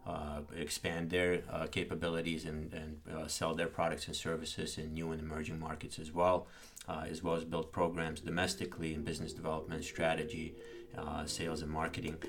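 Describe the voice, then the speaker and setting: A middle-aged man, introducing himself as a podcast co-host in an earnest, wordy, halting way. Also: extremely low pitch, monotone. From Baku, Azerbaijan. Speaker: podcast co-host, business consultant.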